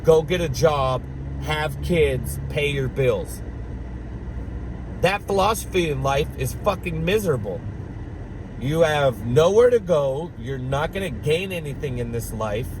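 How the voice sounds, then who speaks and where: Thirties male vlogger, unhurried swearing rant to camera, recorded outside with clear traffic noise. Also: mid-range voice. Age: 30s. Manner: slow, rambling, with frequent swearing and throat-clearing. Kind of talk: casual ranting monologue.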